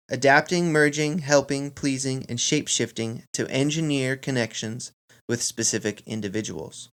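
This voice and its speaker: Man, podcast host, mid-pitched voice, informal explanatory monologue, measured phrasing, speaks straight to the listener. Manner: addresses listeners directly as friends.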